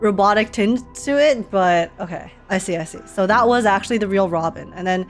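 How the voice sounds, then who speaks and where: A woman streamer reacts live to a game with informal, slangy, exclamatory commentary, her medium-pitched voice a little fast. Game music plays behind her.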